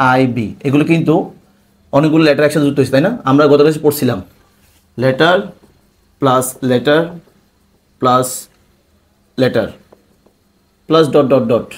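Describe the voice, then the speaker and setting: A male English teacher with a Bangladeshi Bengali accent, giving a classroom lesson. He keeps asking questions and answering them himself, and he slows down to repeat key words. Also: on the high side, a little mellow.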